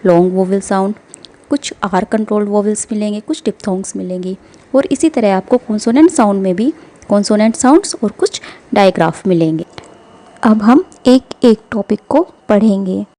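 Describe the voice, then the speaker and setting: A young woman teaching English phonics in a slow, careful way, repeating each example word. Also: mid-range voice, dark tone. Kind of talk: phonics lesson in Hindi-English mix.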